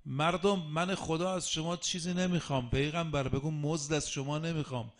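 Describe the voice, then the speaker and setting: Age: adult. Sex: man. Style: emphatic sermon, slightly high voice. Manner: rhetorical questions. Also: steady tone. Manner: emphatic, with rhetorical questions and big swings in loudness. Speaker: preacher.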